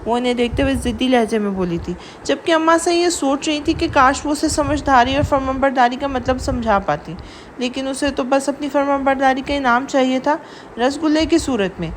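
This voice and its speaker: A woman reads a romantic audio novel aloud in scripted narration, with an even storytelling delivery. Her voice is high, with faint noise behind it.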